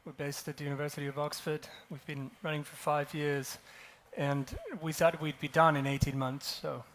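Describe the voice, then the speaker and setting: A man's voice: on the high side, flat delivery, moderate pace, fairly bright tone, slight background noise. A man in his forties speaking at a conference, telling a grim personal story wryly and with a self-deprecating humor. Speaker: conference speaker, company co-founder. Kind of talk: conference talk with personal anecdote. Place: conference stage.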